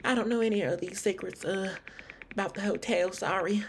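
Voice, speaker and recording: A man's voice: high-pitched, fairly even intonation, gravelly, slight background noise, pitched above the performer's own voice. A man voicing an evasive young woman staying at a hotel, speaking hesitantly and dodging questions. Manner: hesitant, cagey speech with trailing pauses.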